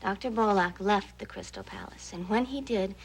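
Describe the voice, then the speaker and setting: An actress playing a young stage actress who talks in a playful, storytelling way, in a 1980s daytime soap. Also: female voice, medium pitch, moderate pace, a little hiss or hum, lightly acted, poor audio.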